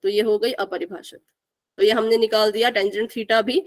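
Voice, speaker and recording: A woman's voice: mid-range voice, fairly even intonation, normal speed. A young woman teaching a live online math class, asking the students questions and repeating the key answers.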